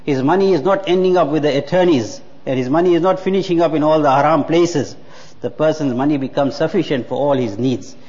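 A man's voice: fairly high pitch, brisk, darkish tone. A man, preaching a sermon earnestly and repeating words for emphasis. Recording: muffled hall with long reverb.

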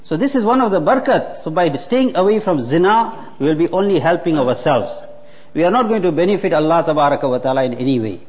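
A man's voice: a little high, animated, fast talker, darkish tone. A man, preaching a sermon earnestly and repeating words for emphasis. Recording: muffled hall with long reverb.

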